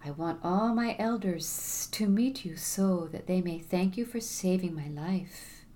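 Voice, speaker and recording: A woman voicing a kind male snake who speaks in a slow, hushed whisper. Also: fairly low pitch, natural voice. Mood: patient, earnest.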